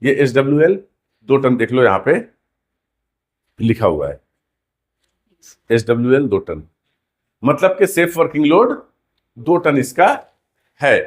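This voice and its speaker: A man's voice: medium pitch, very animated, a little slow, long pauses. A man teaching a rigging class, explaining terms and repeating key words back to his students as questions. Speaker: rigging instructor.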